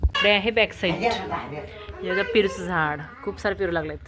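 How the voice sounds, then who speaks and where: A woman's voice: fairly low pitch, normal speed. Chatty woman vlogging on a noisy phone. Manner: chatty, talks to camera and to her little son. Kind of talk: casual family vlog narration. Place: outdoors at a rural farmhouse. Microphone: handheld phone camera. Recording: noisy outdoor phone recording.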